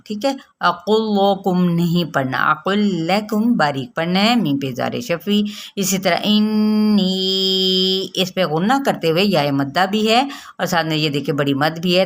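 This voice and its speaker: A woman teaching a Quran recitation lesson, explaining patiently step by step and drawing out recited words slowly. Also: on the low side, a bit bright. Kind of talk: tajweed lesson.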